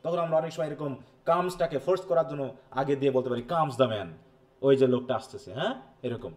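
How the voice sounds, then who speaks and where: A male teacher giving a classroom lecture, reading English passages slowly and stopping often to ask students if they follow. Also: a little high, a little mellow. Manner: explains slowly, reads English passages, checks understanding with questions.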